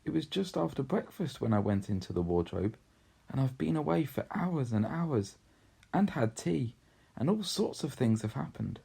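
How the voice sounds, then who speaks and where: A man voicing an earnest, excitable little girl who pleads to be believed in a storybook reading. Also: mid-range voice, normal speed, gravelly, slightly rough, pitched above the performer's own voice, exaggerated voice.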